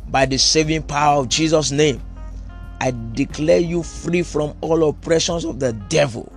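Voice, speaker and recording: A man preaching, giving forceful prophetic declarations over the listeners, repeating each phrase with emphasis. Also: on the high side, moderate pace, gravelly, soft background music.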